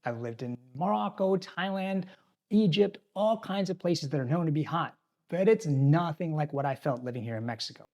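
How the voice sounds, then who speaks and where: Animated and a little mellow, the man's fairly high voice moves at a moderate pace. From a tropical island, he hosts an expat channel, giving viewers scripted, direct guidance on living in another country in a talking-head format.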